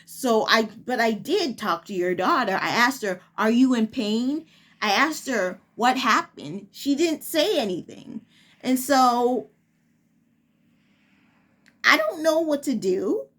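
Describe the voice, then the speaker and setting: Slow, halting woman telling a story. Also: a little high, very animated, fairly bright tone. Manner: halting, searching for words. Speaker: preschool teacher. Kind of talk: casual personal storytelling.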